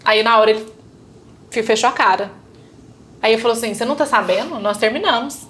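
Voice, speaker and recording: Quick and fairly bright, this slightly high female voice comes with a bit of background noise. She has a Brazilian Portuguese accent and, as an interview guest, recounts her own experiences casually, voicing remembered exchanges and leaning on tag questions.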